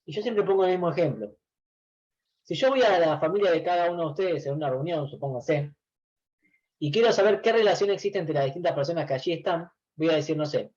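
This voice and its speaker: A man's voice: on the high side, darkish tone, muffled recording. A man teaching a university class over a video call. He explains patiently, restarting phrases and often saying "eh". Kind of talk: online class lecture.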